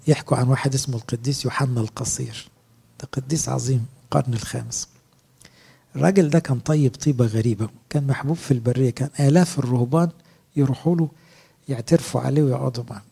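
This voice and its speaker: A man's voice: medium pitch, vocal fry, dark tone, husky. A middle-aged man with an Egyptian Arabic accent, preaching a sermon as a priest, earnest and asking his listeners rhetorical questions.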